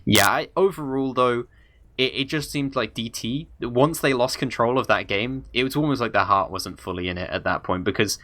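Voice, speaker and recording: A man with a medium-pitched, slightly bright voice casts an esports match at a normal speed. He talks through the game in a chatty, rambling way, giving casual esports commentary.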